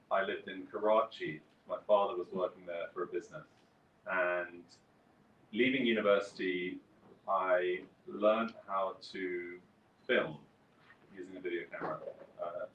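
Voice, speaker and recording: A man in his forties speaks in a very low voice, wry and conversational as he tells his story at a conference. He sits well back from the mic in an echoing hall. A faint hum of room ambience runs underneath. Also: fairly bright tone, distant mic, lo-fi sound. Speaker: guest speaker, journalist. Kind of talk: conference talk.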